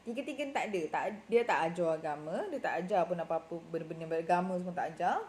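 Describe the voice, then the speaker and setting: A woman's voice: fairly low pitch, quick pace, a little mellow, slight background noise. A middle-aged woman with a Malaysian Malay accent gives casual marriage advice, talking in a chatty way full of fillers and self-corrections. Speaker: marriage and relationship advisor.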